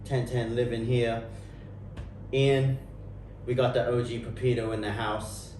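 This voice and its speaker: A male podcast host who talks in relaxed hip hop slang. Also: mid-range voice, unhurried, slight background noise. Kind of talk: casual podcast chat. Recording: roomy sound from a distant mic.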